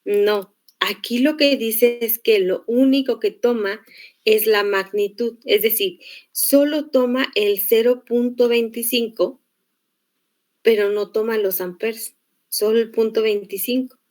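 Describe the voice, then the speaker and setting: A woman's voice: on the high side, a little mellow. A woman teacher giving a lecture, explaining step by step and checking in with her students. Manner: slow, patient explaining with check-in questions. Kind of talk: online class lecture on electric circuits.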